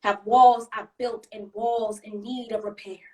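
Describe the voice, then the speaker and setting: A woman's voice: a little high, little pitch movement, unhurried. Woman reciting slam poetry, distant from the mic. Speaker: slam poet. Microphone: video call.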